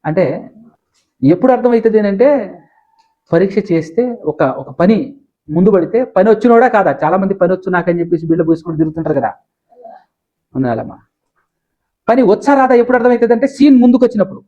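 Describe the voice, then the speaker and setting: Fast high-voiced preacher man. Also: lively intonation. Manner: explains verses in plain everyday speech with homely stories. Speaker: pastor. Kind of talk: sermon. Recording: dull lo-fi sound.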